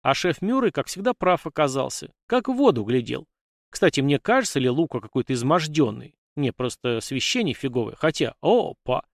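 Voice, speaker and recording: A man's voice: medium pitch, lively intonation, brisk, gravelly, no room sound, clean studio sound. A man narrating a first-person audiobook in a wry, slangy, conversational way.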